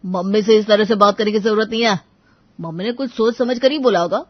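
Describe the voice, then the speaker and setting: A dismissive young husband, as an actor voices him in a cartoon moral tale, lecturing his wife in a mid-pitched voice. The recording is muffled and lo-fi. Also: a little fast, natural voice.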